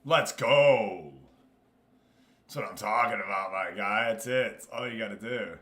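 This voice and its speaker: This stream host, who runs a league in an online football management game, offers relaxed commentary while addressing his group directly. He has a lowish voice, a measured pace, and a fairly bright tone. The recording sounds roomy and echoey.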